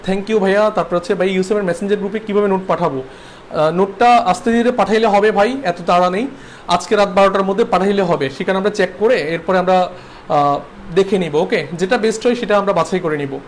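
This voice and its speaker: A man's voice: high voice, a little hiss or hum. A young man from Bangladesh teaching an online English exam-prep class, repeating rules and checking that students follow. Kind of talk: livestreamed exam-prep lesson.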